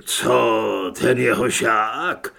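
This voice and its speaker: A man voicing a coarse, hot-tempered thug who talks hoarse and rough in an audiobook. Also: medium pitch, pushed and bright, pitched below the performer's own voice, full character voice. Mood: gruff.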